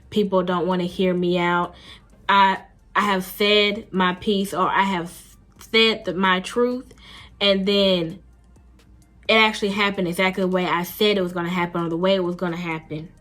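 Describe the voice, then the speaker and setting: Recounting a dating story in an off-the-cuff monologue, a woman vlogger speaks in a lowish voice with a fairly bright tone. Her delivery is slangy, emphatic and blunt, and faint background music can be heard.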